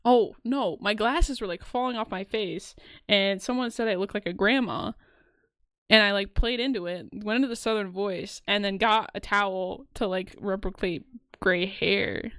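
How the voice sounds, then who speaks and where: A woman's voice: mid-range voice, normal speed, fairly bright tone, no room sound, clean studio sound. A young woman co-hosting a podcast, chatting casually and rambling with lots of fillers. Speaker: podcast co-host and streamer.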